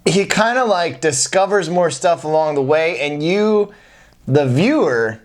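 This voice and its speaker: Casting: male co-host, slightly high voice, informal opinion-sharing, softens his judgments as he goes. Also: animated, a little slow. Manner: conversational, hedging opinions. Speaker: film review show co-host. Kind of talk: casual film review chat.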